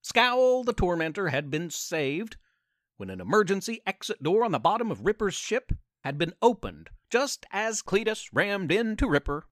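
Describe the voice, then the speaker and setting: A male storyteller narrating a podcast tale with playful asides. His voice is on the high side and rises and falls with great life. The recording is close and dry, with no room around it. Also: big pitch swings, normal speed, fairly bright tone, dry recording.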